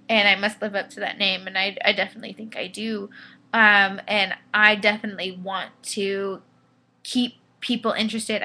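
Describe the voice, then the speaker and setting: Bright, tipsy young woman rambling. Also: mid-range voice. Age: 20s. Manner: excitable, rambling, many fillers and restarts. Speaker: vlogger reviewing a concert. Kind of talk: casual rambling review. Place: indoors at home.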